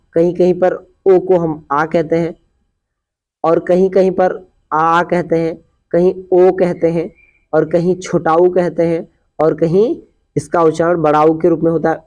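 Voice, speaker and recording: A man teaching a pronunciation lesson, explaining step by step and slowly repeating example words. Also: high-pitched, a little mellow. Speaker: English teacher. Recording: dull lo-fi recording.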